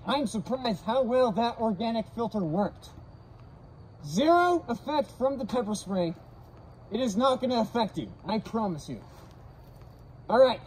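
A young vlogger talks through a gas mask, breathing deeply as he casually shows off safety gear in a brash, swearing manner. His voice is a little mellow, and the rough recording has slight background noise.

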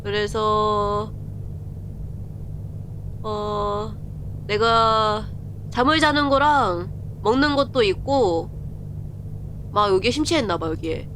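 A woman live-streaming a horror game, chatting and reading the game's text aloud as she plays. She often breaks into quick strings of repeated exclamations. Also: mid-range voice, noisy background. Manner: bursts of rapid repeated exclamations.

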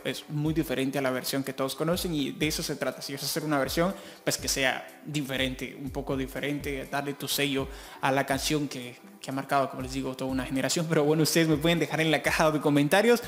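Excitable man gushing over a song. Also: fairly high pitch. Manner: gushing, excitable, laughs often. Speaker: music reaction youtuber. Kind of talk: excited music reaction commentary.

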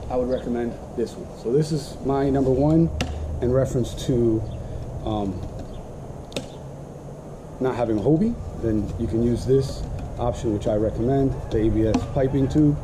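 Man reviewing kayak bait gear outdoors. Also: medium pitch. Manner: relaxed, many "um" fillers, explains gear while holding it up. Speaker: kayak fishing vlogger. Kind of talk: casual product review. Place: outdoors in a grassy backyard.

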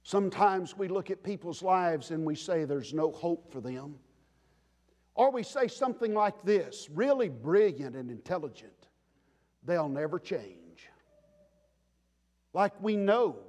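A man preaching a sermon as pastor, emphatic, building to loud declarations and dropping low again. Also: lively intonation, a little slow. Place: church sanctuary. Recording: long reverb of a church sanctuary.

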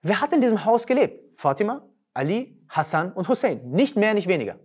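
A woman's voice: medium pitch, sing-song, fairly quick, darkish tone, breathy edge. A woman giving a religious lecture, emphatic and firing off rhetorical questions.

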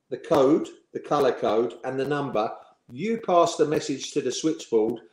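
A man in his sixties recalls his playing days with easy, lively storytelling, laughing along at his own tales. His voice sits at an ordinary middle pitch. He sounds like he is in a bare room with a noticeable echo. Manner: lively storyteller, chuckling, acts out the people he quotes. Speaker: former footballer, interview guest. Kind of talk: anecdotal interview storytelling. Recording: echoey room.

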